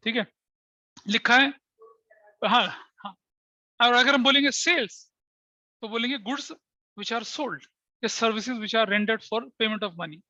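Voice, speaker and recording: Male accounting teacher, bright forceful voice, dry close sound, a little muffled; lectures by asking and answering his own questions. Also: extremely high pitch, dry recording. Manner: explains terms by asking the class and answering himself, mixing in English phrases. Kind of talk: classroom lecture.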